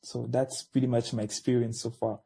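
Late 20s guy from cameroon, low husky voice, talks a bit hesitant. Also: little pitch movement, brisk, warm tone. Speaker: panel guest. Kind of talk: casual conversation.

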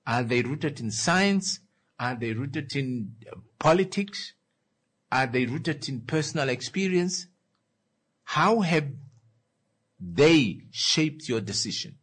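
A man leading a reflective talk, asking the listener slow, repeated questions about their beliefs. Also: mid-range voice, sing-song, a bit bright, husky. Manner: repeats questions, slows for emphasis. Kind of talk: reflective talk with musical breaks.

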